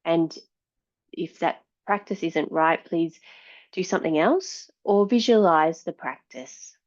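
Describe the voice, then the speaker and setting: A woman yoga teacher leads guided meditation and yoga in a calm, measured, soothing manner. Her voice sits on the low side, and the recording's highs are cut off.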